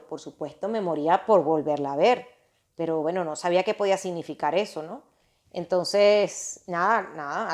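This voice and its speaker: A woman casually telling a personal story to her listeners, animated and often restarting and repeating her phrases. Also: fairly low pitch.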